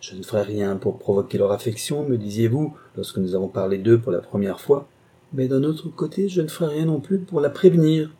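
A man reading an audiobook voices a gentle young woman who speaks in an earnest, measured, pleading way. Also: medium pitch, expressive, slightly rough.

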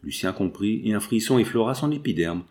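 A man narrating a nineteenth-century novel as an audiobook, in an even literary storytelling manner. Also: lowish voice, brisk. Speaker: audiobook reader.

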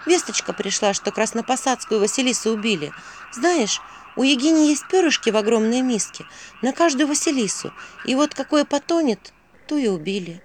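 A woman's voice: a little high, animated, moderate pace, a little hiss or hum, voice pushed up, lightly acted. A woman voicing an earnest young sorceress girl who speaks with worry and frequent sighs. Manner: earnest, worried, sighing. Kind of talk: audiobook character voice.

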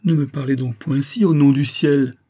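A man's voice: mid-range voice, very animated, normal speed, dark tone, breathy edge, pitched above the performer's own voice. A man voicing an ardent, naive young man of twenty, pleading passionately in an audiobook reading. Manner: pleading and impassioned.

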